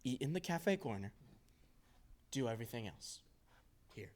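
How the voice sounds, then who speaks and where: A man in his early twenties shows off a workshop indoors in an unscripted, casual tour, rambling in a jokey, self-mocking way and playfully exaggerating. He speaks at normal speed in a medium, sing-song voice.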